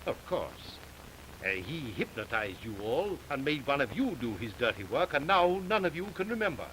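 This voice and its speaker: An actor playing a skeptical ship captain who scoffs with dry sarcasm, heard as early talkie film sound. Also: male voice, medium pitch, sing-song, moderate pace, background noise. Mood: scoffing.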